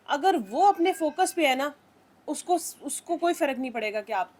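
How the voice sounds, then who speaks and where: High-voiced woman coaching, always checking in. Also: expressive, darkish tone. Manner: instructive, checks in with "theek hai?" constantly. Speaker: spiritual group leader. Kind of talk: coaching in a group session.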